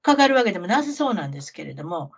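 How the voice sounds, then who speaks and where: A middle-aged podcast co-host with a Kansai Japanese accent tells travel stories like a talkative auntie, animated and chatty, often tossing rhetorical questions at the listener. Her voice is fairly low, gravelly, and husky, and she talks at a racing pace.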